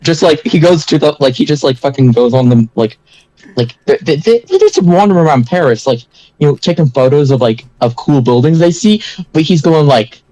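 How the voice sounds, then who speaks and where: A man co-hosts a casual podcast in a dry, close-miked sound. His voice is a touch higher than most men's. He halts and restarts often and drops frequent curses. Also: very animated, dark tone, dry recording, rough recording. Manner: halting, swears often, many fillers. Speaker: podcast co-host. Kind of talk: casual chat.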